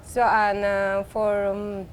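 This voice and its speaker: A woman's voice: mid-range voice, monotone, slow pace, a little hiss or hum. A woman who speaks English as a second language, giving passengers practical information in an unscripted, conversational way. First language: not English.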